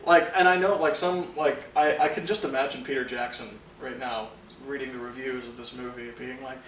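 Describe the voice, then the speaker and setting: A man's voice: mid-range voice, steady tone, brisk, fairly bright tone. A man co-hosting a film podcast, chatting eagerly and casually. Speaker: podcast co-host. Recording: roomy, distant mic, faint noise.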